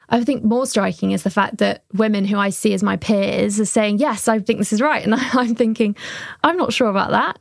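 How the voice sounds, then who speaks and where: Young woman, culture writer; heavy vocal fry, dry booth sound. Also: medium pitch, dry recording. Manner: thoughtful, reflective, occasional laughs. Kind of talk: conversational podcast interview.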